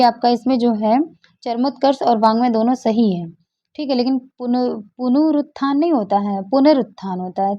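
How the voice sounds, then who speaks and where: Woman teacher, exam-prep lesson, mellow voice, fairly high, asks and answers herself, muffled lo-fi sound. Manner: explanatory, asks and answers own questions. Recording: dull lo-fi recording.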